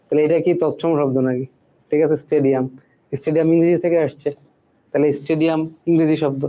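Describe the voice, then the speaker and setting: Mellow-voiced teacher drilling spelling. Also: male voice, a little high. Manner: repeats words and keeps asking "ঠিক আছে?". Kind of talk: spelling lesson.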